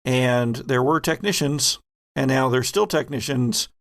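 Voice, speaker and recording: Narrating a tabletop horror roleplaying game as its game master, this man paints vivid details in a halting, deliberate way. His voice sits in the mid range with a fairly bright tone.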